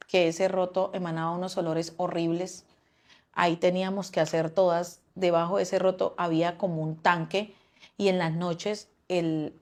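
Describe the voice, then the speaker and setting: Woman, personal testimony, halting delivery, repeats words. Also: lowish voice.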